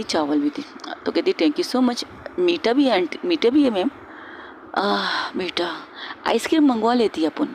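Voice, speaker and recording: A woman's voice: lowish voice, slight background noise. A woman narrating a love story in a chatty storytelling way, voicing the characters' lines herself. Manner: conversational storytelling in colloquial Hindi, voicing several characters.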